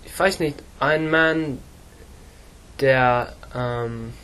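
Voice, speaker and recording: A teenage boy from England, an English speaker practising German, answering slowly with many fillers and pauses. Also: medium pitch, a bit bright, smooth. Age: teens. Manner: halting, slow, many fillers. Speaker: student.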